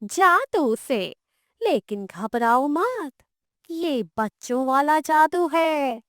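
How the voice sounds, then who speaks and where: Woman doing a cartoon witch, pizza seller, slow soothing voice, high, dry close sound. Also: big pitch swings, a bit bright, dry recording, heavily acted. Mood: calm, knowing. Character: mysterious female witch selling pizza, calm, teasing. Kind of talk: cartoon storytelling.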